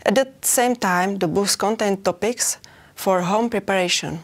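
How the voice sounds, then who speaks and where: A woman's voice: mid-range voice, measured pace. A woman from the Czech Republic giving a prepared conference presentation for a chess federation, reading steadily with occasional hesitations.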